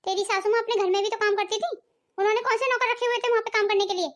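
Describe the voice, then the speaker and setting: A woman voicing a sharp-tongued, scolding middle-aged mother in a cartoon family drama, speaking in a taunting way. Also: very high-pitched, fairly even intonation, rapid-fire. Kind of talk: cartoon voice acting.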